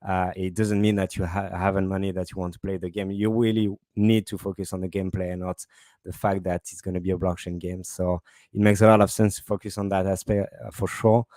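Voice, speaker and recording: A man with a French accent moderating a panel, asking questions with halting restarts. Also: sits low, little pitch movement, darkish tone, no room sound, studio quality. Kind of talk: online panel discussion.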